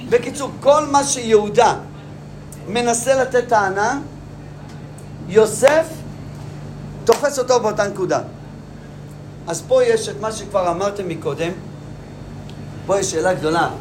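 High-voiced man teaching a story. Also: pauses often, noisy background. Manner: lively, asks the class questions. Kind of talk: storytelling lesson to students.

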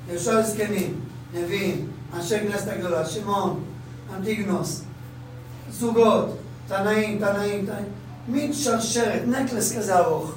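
A man's voice: high voice, very echoey. A man teaching a religious class, repeating phrases and quizzing his listeners, recorded from a distance in a room with faint background noise. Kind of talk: Talmud class.

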